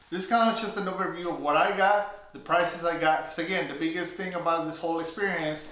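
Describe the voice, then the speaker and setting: A man's voice: sits high, fairly bright tone. A man casually reviewing fishing reels in a chatty, loose way with lots of fillers. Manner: chatty, loose, many fillers and tag questions. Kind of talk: casual product review vlog. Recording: very echoey room.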